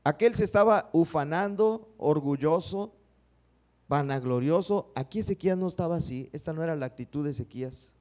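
A man's voice: a little high, normal speed, darkish tone. A man preaching a sermon, acting out prayers and putting questions to the congregation.

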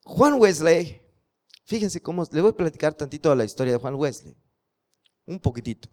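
Man preaching a sermon, higher voice. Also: moderate pace. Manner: lively storytelling with rhetorical questions to the congregation.

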